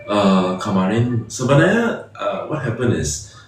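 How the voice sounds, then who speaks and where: A man's voice: lowish voice, very animated, slow pace, crowd noise. A middle-aged man hosting a casual live-stream chat, switching back and forth between English and Indonesian and laughing often. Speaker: host. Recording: very echoey room with faint noise.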